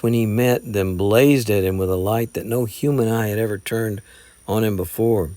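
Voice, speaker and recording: A man's voice: on the low side, darkish tone, dry recording. Man narrating a story, dry close sound. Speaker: audiobook narrator.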